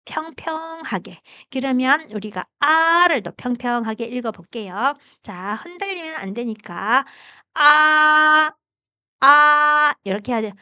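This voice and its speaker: A woman teaching Chinese pronunciation, patiently demonstrating tones with long drawn-out vowels. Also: a little high, lively intonation, pushed and bright, no room sound, lo-fi sound. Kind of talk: pronunciation lesson.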